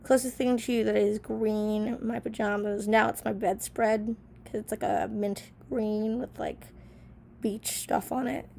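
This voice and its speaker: A young woman talks casually to her camera in her bedroom, her voice stuffy from being sick. She reads out old questions and answers with an easy, filler-heavy chattiness. Her tone has a gravelly fry, her pitch sits mid-range, and a faint hiss runs underneath. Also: fairly even intonation, measured pace, mellow. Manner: chatty, reads each question then comments offhand with many fillers. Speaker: vlogger. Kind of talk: casual vlog, reading old journal answers aloud. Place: small bedroom in an apartment.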